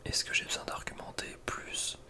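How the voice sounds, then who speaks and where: An ASMR creator whispers ranking commentary at a normal speed, staying close to the microphone. His delivery is informal, full of slang and hesitant asides.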